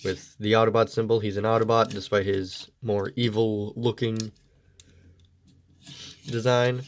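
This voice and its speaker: A man with a slightly low voice that sounds stuffy and congested, as if his nose is blocked. He talks through a toy review in an easygoing, rambling way. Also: little pitch movement, measured pace, slight background noise. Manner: easygoing, meandering explanations.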